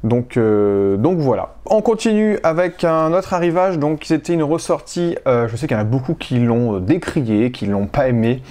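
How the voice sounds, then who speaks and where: A man's voice: mid-range voice, lively intonation, normal speed, hardly any pauses, mellow. A man from France talks through his film collection in a casual vlog, hesitant, with many fillers and restarts. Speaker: collector showing his purchases.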